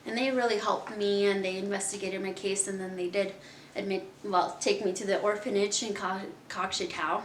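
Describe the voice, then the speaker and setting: A woman's voice: mid-range voice, flat delivery, normal speed, slight background noise. A young woman from Kazakhstan hosting her own podcast, telling her life story in a chatty, candid way and laughing often. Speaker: podcast host. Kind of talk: casual personal storytelling. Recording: echoey room.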